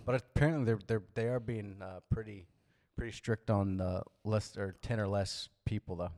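A man co-hosting a podcast, laid-back in casual chat and quick to laugh along. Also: fairly low pitch, a little mellow. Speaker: podcast co-host.

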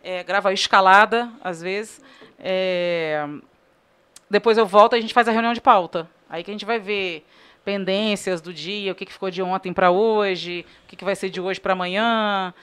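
A woman's voice: medium pitch, moderate pace, clean tone. A Brazilian woman, a TV news editor, telling funny work stories in a casual podcast chat. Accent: Brazilian Portuguese. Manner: lively storyteller, laughs while telling anecdotes.

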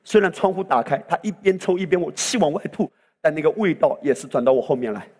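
A man's voice: fairly high pitch, quick pace, warm tone, slightly rough. A male pastor preaching a sermon with impassioned delivery that swells into exclamations, recorded in a church hall. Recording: reverberant hall sound.

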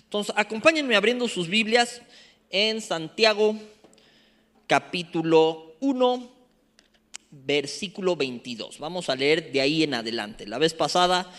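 A man's voice: sits high, expressive, a little slow, a bit bright. A man preaching a sermon and teaching a Bible study, with playful asides to the congregation.

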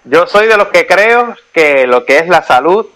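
Man, high voice, animated casual storyteller who repeats himself. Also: unhurried, rough recording. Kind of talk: casual chat. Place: United States.

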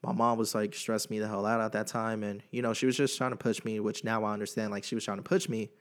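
A man's voice: lowish voice, little pitch movement, fast talker. Candid young man telling his story. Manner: candid and emotional, with casual slang. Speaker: podcast host. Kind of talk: personal monologue.

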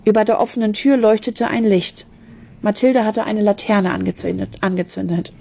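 A woman's voice: mid-range voice, steady tone, moderate pace, gravelly, darkish tone. A woman reading a children's story aloud, expressively, with small slips and restarts. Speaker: narrator.

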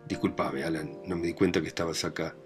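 A man's voice: low voice, fairly even intonation, quick pace, faint music behind. A man with a Rioplatense accent voicing a domineering, meddling older mother in a read-aloud play. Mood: bossy, doting. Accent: Rioplatense Spanish. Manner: scolding, proud, meddling. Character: domineering aging mother of a grown family.

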